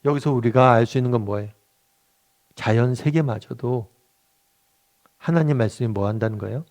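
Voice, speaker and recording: A man's voice: mid-range voice, moderate pace, a little mellow. A middle-aged male pastor leading a weekly Bible study, talking conversationally, asking the group questions and acting out quotes. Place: church meeting room.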